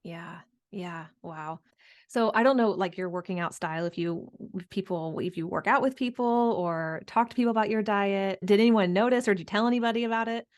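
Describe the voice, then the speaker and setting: A woman hosts a podcast interview with a mid-range voice. She is eager and affirming, quick to back up her guests before asking her next question. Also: medium pitch. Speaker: podcast host. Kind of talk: casual interview.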